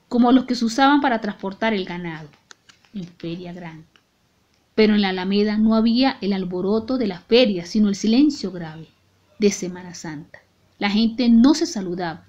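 A woman with a Latin American Spanish accent narrating an audiobook in a measured, grave tone. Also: mid-range voice, a little mellow, muffled recording. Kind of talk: audiobook reading.

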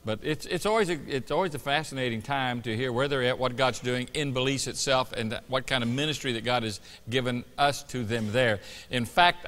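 A man's voice: mid-range voice, a bit bright. A middle-aged man giving a conversational church sermon as a pastor. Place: church sanctuary stage. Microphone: lapel. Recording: long hall reverb.

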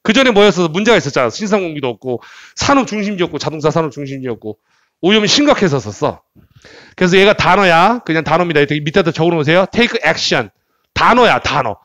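Animated male English teacher lecturing. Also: fairly high pitch, fast, no room sound, studio quality. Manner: animated, repeats words and asks rhetorical questions. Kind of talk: classroom lecture.

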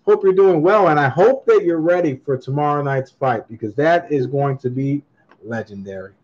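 A man's voice: a little high, normal speed, darkish tone. A man hosting a coin auction livestream in casual chat, upbeat, reading chat comments aloud and laughing often. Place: indoor room at a table with coins, voice off camera. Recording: slightly dull lo-fi webcam audio.

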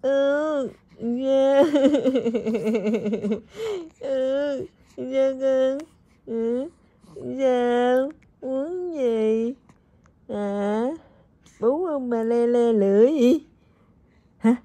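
A woman's voice: high voice, very slow, long pauses, warm tone, no echo. A young mother, coaxing her infant in sing-song baby talk while filming at home on a phone.

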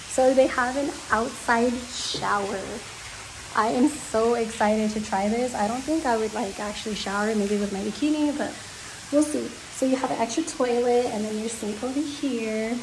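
A woman's voice: a little high, background noise. A young woman vlogger gushing as she walks the camera through a holiday villa, talking casually to viewers. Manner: gushing, enthusiastic. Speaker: travel vlogger. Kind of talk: casual room tour. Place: villa rooms and outdoor terrace. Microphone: handheld phone camera.

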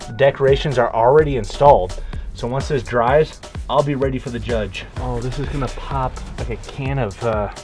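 A young man chatting casually in a vlog, his voice electronically pitched down into a disguised deep voice. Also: normal speed. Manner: chatty, laughing at himself. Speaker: vlogger building a doghouse. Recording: music playing under the voice.

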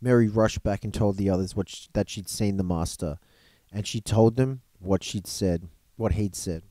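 Guy reading a bible story aloud, warm mellow voice, dry close mic. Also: lowish voice, dry recording. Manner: unhurried storytelling with occasional slips and restarts. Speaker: reader of a storybook gospel.

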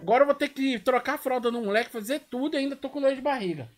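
A middle-aged Brazilian man giving casual, excitable gameplay commentary full of slang and exclamations, recorded in a room at home. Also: extremely high pitch, rapid-fire. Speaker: gaming video host. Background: music.

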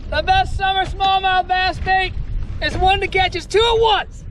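A middle-aged man hosting an instructional fishing vlog from an open boat on a lake, talking with enthusiasm and breaking into excited shouts. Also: extremely high pitch, measured pace, low-quality recording. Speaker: fishing show host. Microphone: boat-mounted camera. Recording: wind-buffeted outdoor camera audio. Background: loud wind and boat noise.

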